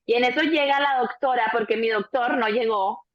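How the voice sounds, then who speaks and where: Lively Mexican woman telling her story. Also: on the high side, normal speed. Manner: animated storyteller, acts out voices, swears casually. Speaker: doula, co-host. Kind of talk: casual conversation. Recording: dull lo-fi sound.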